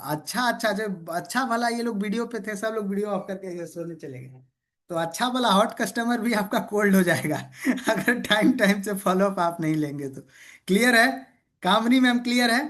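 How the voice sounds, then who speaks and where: Over a video call, a man runs an interactive online sales training, drilling the group in call-and-response, playfully teasing participants, and repeatedly checking that everyone is following. His voice is high-pitched and a bit bright.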